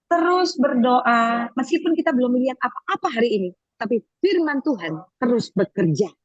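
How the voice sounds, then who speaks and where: A middle-aged woman giving a personal faith testimony as an interview guest, telling her story in an animated way and acting out the voices she quotes. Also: fairly high pitch, normal speed, dry recording. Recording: dull lo-fi sound.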